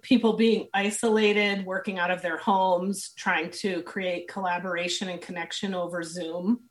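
A woman's voice: fairly low pitch, flat delivery, measured pace. A woman consultant answering interview questions in an earnest, thinking-aloud way, full of fillers and restarts, while she is losing her voice. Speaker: leadership and team consultant, guest.

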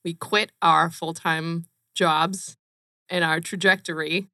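A woman's voice: fairly low pitch, steady tone, slow pace, bright, forceful tone, no echo, studio quality. A woman from Romania, a company co-founder, speaking earnestly and emphatically as an interview guest. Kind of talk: casual interview chat.

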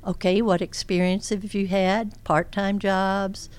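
A very old woman speaking as an interview guest, telling reflective anecdotes in a measured way. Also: medium pitch, flat delivery, a little mellow, clear, resonant tone. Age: elderly. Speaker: interview guest, career coach.

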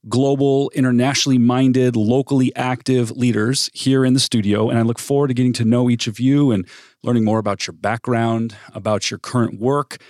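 A man hosting a studio panel interview, speaking in a measured way with pauses and restarts. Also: mid-range voice, darkish tone, no echo. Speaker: host.

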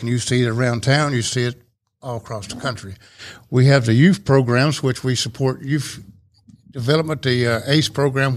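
A man, a club president talking at length as an interview guest in a folksy, rambling way. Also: mid-range voice. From Rome, Georgia, USA. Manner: talkative, folksy, rambling explanations. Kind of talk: casual interview chat.

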